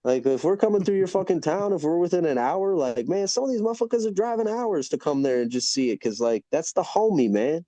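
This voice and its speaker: A man's voice: a little high, lively intonation, a little fast, few pauses, mellow, no echo. A man hosting a casual podcast, telling stories in a rambling, profane, emphatic way. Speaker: podcast host.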